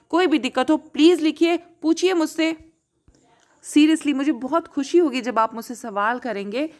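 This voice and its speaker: High-voiced Indian woman teaching grammar. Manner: emphatic, repeats key words, asks rhetorical checks. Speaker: English teacher. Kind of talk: explanatory lesson.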